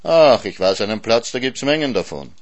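A man's voice: medium pitch, big pitch swings, moderate pace, no echo, lightly acted. A man reading a story voices a sly hare who teases and tricks a hyena. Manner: teasing, smug, sly.

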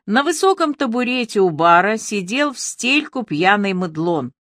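A woman narrating a novel as an audiobook, in an expressive storytelling manner. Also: medium pitch, normal speed, dry recording, studio quality.

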